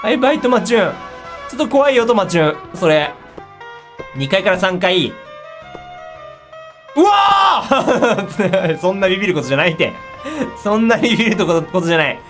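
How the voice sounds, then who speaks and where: A woman giving excitable commentary on a horror game, easily startled, often exclaiming and repeating her words. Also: mid-range voice, quick pace. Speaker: game streamer. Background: music.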